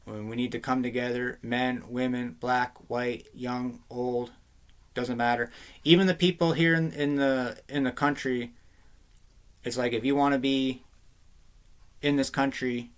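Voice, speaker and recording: A man's voice: medium pitch, fairly even intonation, unhurried, smooth. Rambling man ranting. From Canada. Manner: rambling, heated, slangy, keeps saying "man" and "dude". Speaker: vlogger. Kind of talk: casual rant to camera.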